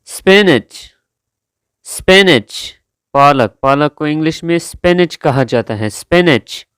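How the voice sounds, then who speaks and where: Slow, deliberate male teacher. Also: a little high, lively intonation, a bit bright, clear, resonant tone, no echo, studio quality. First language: Urdu. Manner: drawn-out, careful pronunciation drills. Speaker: English vocabulary teacher. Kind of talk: slow vocabulary lesson, repeating each word.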